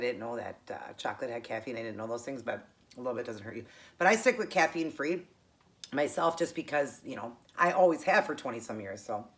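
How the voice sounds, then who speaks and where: A middle-aged American woman with a tongue piercing, chatting casually to viewers while she eats. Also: rumbling low. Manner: talking while eating, with pauses to chew. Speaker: host of a keto eating show.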